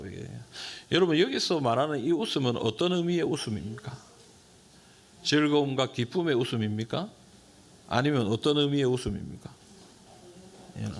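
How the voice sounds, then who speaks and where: A man's voice: fairly high pitch, vocal fry. A male pastor preaching a sermon and posing questions to his congregation. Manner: animated, rhetorical questions to the congregation. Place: church sanctuary.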